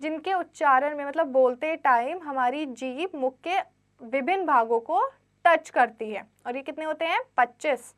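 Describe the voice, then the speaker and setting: A woman's voice: sits high, a bit bright. A woman teacher giving a grammar lesson to children, reading textbook lines and then re-explaining them simply, asking quiz questions and answering them herself. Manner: drawn-out letter recitation.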